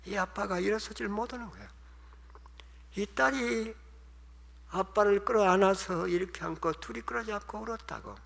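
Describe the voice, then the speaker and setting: Korean pastor in a reverberant church. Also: male voice, sits high, normal speed, gravelly, long pauses, fairly bright tone. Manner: emotional, acts out quoted voices. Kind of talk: sermon storytelling. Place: church sanctuary. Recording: long hall reverb.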